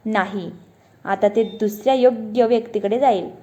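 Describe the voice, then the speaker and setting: Woman as a calm wise old man. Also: mid-range voice, dull audio, close to an everyday voice. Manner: calm, unhurried delivery. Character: kind wise old man by a banyan tree.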